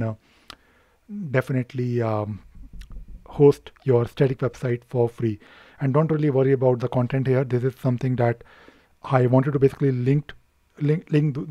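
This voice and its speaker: A man talking through a screen-recording tutorial unscripted, hesitant, pausing often on filler sounds and restarting his sentences as he works. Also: mid-range voice, warm tone, no room sound, dull audio. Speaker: tutorial presenter.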